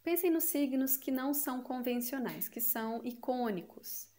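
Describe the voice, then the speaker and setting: A woman teaches linguistics in a calm, measured way. Her voice sits a little high, and she explains things step by step, pausing often to ask the listener rhetorical questions. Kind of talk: educational video lecture.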